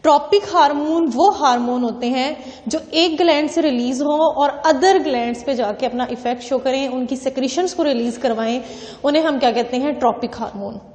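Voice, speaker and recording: A woman teaching a biology lecture who explains slowly, asks questions and answers them herself, and mixes English terms into Hindi. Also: high-pitched, darkish tone. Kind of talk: classroom lecture. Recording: echoey room with long reverb.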